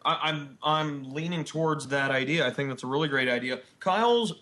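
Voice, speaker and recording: Bright, upbeat man co-hosting a beer chat. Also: a little high, brisk. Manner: upbeat, stumbling restarts. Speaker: podcast co-host. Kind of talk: casual beer-tasting chat.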